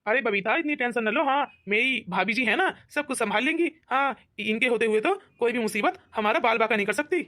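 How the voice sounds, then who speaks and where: Easygoing young husband in a cartoon, voiced by a woman; bright and fairly high. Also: a little fast, hardly any pauses, natural voice. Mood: cheerful. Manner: cheerful, scheming. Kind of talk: cartoon voice acting.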